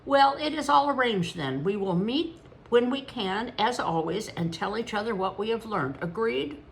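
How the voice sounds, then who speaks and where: A cheeky, irrepressible storybook boy who talks eagerly and boasts with quick wit, as a grandmother puts him on. His voice rides well above her plain reading pitch and comes out louder and brighter. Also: animated, a little hiss or hum.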